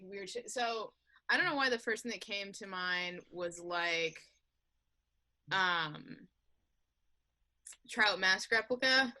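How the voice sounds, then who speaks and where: A woman's voice: medium pitch, bright, forceful tone, no room sound. A woman guest on a podcast video call, chatting eagerly and swearing casually while showing off her records. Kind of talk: casual chat about vinyl records.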